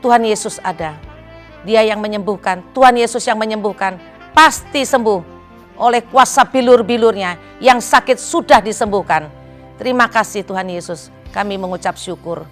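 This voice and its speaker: A woman's voice: medium pitch, normal speed, faint music behind. A middle-aged woman with an Indonesian accent, giving an emotional personal testimony in church. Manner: emotional, heartfelt storytelling, pleading in recalled prayer.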